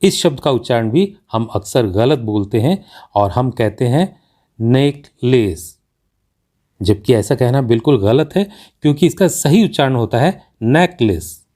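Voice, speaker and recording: A man with an Indian accent teaching English pronunciation in a slow classroom explanation, reading example sentences very carefully. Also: medium pitch, animated, mellow.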